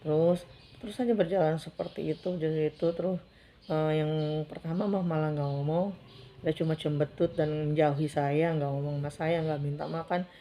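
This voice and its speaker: Low, mellow-voiced woman telling a story. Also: steady tone, moderate pace, a little hiss or hum. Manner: chatty and heartfelt, acts out quoted speech. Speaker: storyteller recounting her own marriage. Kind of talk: casual personal storytelling.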